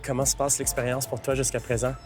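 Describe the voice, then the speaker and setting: Male host, playful, joking, casual interviewing, mid-pitched, music underneath. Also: flat delivery, quick pace. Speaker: travel food show host.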